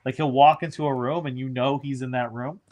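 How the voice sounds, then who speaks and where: A man's voice: medium pitch, steady tone, brisk, darkish tone. A man, a showrunner, chatting casually in an interview, rambling with frequent restarts and fillers.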